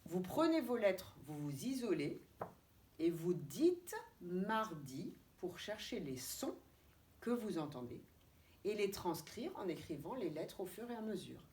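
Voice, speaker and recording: French woman teacher, slow and deliberate, lively lilting voice, heard from a little way off, faint noise behind. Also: on the low side. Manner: slow, deliberate, stretching out syllables and letters. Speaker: kindergarten teacher. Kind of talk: remote video lesson for young children. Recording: distant mic with faint background noise.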